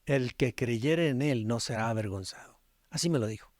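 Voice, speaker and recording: A middle-aged male pastor with a Mexican Spanish accent, preaching a storytelling sermon that swings from loud, animated peaks to hushed, quiet passages. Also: mid-range voice, moderate pace, no room sound, clean studio sound.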